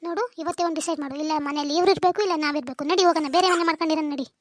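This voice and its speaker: A woman's voice: sits high, fairly even intonation, very fast, dry recording, clean studio sound, natural voice. A woman voicing a resentful young wife in a cartoon drama, with a North Karnataka Kannada accent, accusing and nagging her husband. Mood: bitter nagging. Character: young sharp-tongued wife, resentful and bitter.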